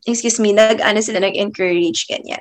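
A young woman in her twenties, a teacher, telling a personal faith story in a casual, chatty way. She laughs often and lets many phrases trail off softly. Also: medium pitch, fairly even intonation, fairly quick. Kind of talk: casual faith testimony vlog.

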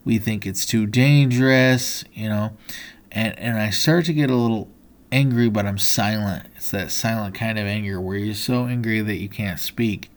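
A man's voice: fairly low pitch, normal speed. A man hosting a podcast, telling a personal story in an earnest, motivational way, with many fillers and restarts. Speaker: podcast host.

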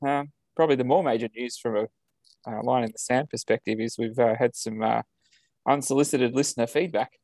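A man's voice: mid-range voice, steady tone, a little fast, darkish tone, no room sound. An Australian man co-hosting a podcast over a video call, chatting casually with lots of ums and uhs. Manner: easygoing, many ums and uhs, chuckles. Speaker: podcast co-host. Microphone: video call setup.

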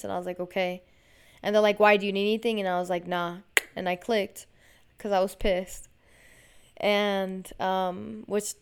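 A woman's voice: mid-range voice, a little mellow, smooth. A woman hosting a podcast, telling a personal story in a rambling, frustrated way, with lots of swearing and slang. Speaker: podcast host. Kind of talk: casual storytelling monologue.

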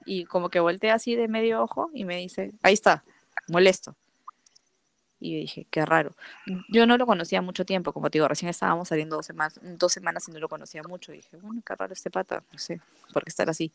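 A woman's voice: on the low side, quick pace, vocal fry, no echo. A young woman casually telling a personal story, acting out the dialogue with lots of fillers. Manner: lively, acts out quoted dialogue, frequent fillers.

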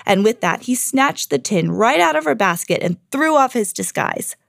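Reading a scripted fairy tale for children on her podcast, this female host uses a fairly high, gravelly voice at normal speed. She tells it expressively, and the recording is clean studio sound without room sound.

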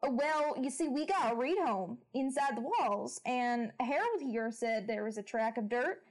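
A woman's voice: on the high side, expressive, normal speed. A woman voicing a chatty scientist investigator who rambles with lots of fillers. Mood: earnest.

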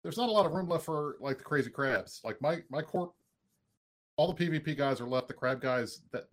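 A man's voice: on the high side, expressive, fairly quick. A man talking loosely and jokingly as a podcast co-host in casual chat.

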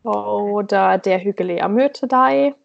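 A woman from Germany, an emigrant blogger, is a podcast guest chatting hesitantly over an internet call in a casual interview, often searching for words. Her voice is medium-pitched, slow and creaky, and the recording sounds muffled.

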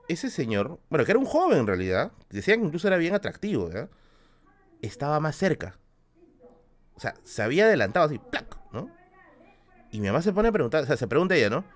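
A young man with a Peruvian accent spins a spooky tale for his stream audience. His pitch jumps up and down a lot as he narrates in a relaxed, chatty way. He keeps checking in with quick tag questions. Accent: Peruvian Spanish. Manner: animated, tags lines with "¿no?". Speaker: streamer host. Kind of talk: casual spooky storytelling.

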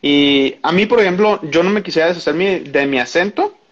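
A man recounting his experience in casual conversation, hesitant with frequent pauses and restarts. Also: on the high side, a bit bright, muffled recording. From Mexico. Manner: hesitant, many fillers and restarts.

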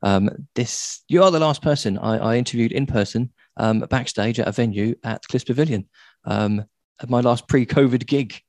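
Male radio host, chatty interview style, enthusiastic, jokey, mid-pitched, very dry close sound. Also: normal speed, a little mellow, dry recording.

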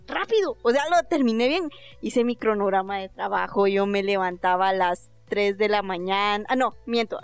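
A woman's voice: on the high side, smooth, no echo. A young woman, telling a personal story in casual chat and acting out the voices in it. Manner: lively, laughs often, acts out quoted voices.

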